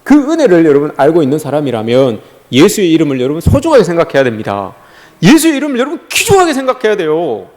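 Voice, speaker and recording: A man preaching a sermon to his congregation, speaking to them directly and with lively emphasis. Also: on the high side, fast talker. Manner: animated preaching, addresses the congregation directly, often says "여러분". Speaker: pastor. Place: church sanctuary. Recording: long church hall reverb.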